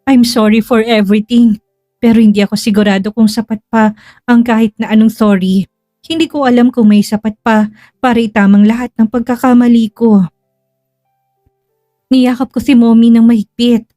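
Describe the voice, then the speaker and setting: Brief: woman narrator, higher pitched, mellow, slow and hushed emotional telling, dry close sound. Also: steady tone, no room sound, soft background music. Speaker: storyteller. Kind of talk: first-person dramatic story narration.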